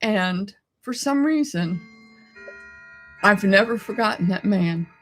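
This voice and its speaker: A middle-aged woman telling a personal story in a casual chat. She talks with feeling and laughs often, her voice sitting at an ordinary pitch for a woman. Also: lively intonation, slow pace, faint music behind. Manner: warm-hearted, emotional, laughs often. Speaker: co-host.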